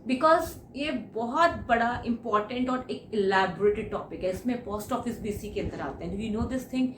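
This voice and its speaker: A woman's voice: fairly high pitch, a bit bright. A woman teaching an online English lesson, coaxing viewers to repeat after her and write in the comments. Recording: echoey room with faint background noise.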